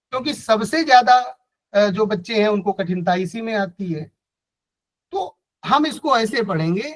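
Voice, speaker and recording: A man's voice: high voice, low-quality recording. A man teaching a Sanskrit grammar class, explaining step by step and asking the class questions, with a Hindi-speaking North Indian accent. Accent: Hindi-speaking North Indian, from Kanpur area. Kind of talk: online class lecture.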